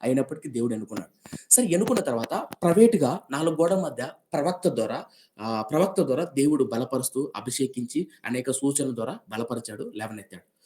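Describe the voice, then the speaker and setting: Fast-talking male preacher. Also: mid-range voice, expressive, warm tone, poor audio. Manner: storytelling, emphatic repetitions. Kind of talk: sermon. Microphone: online live stream.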